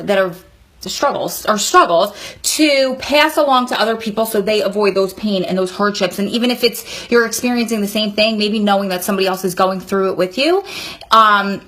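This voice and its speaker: With a medium-pitched, fairly bright voice, this vlogger, 39 and almost 40, offers candid guidance to women whose husbands are in prison. Her manner is earnest and encouraging, like a conversation.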